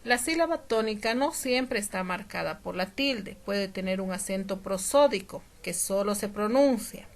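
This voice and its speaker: A patient woman teacher walks through a lesson, stretching out her example words and pausing to check understanding. Her voice sits at an ordinary middle pitch, steady and clear. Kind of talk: classroom lesson explanation.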